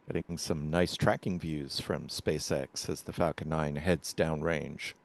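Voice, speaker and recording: A man giving measured, explanatory live commentary on a launch as a webcast commentator. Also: rumbling low, steady tone, gravelly.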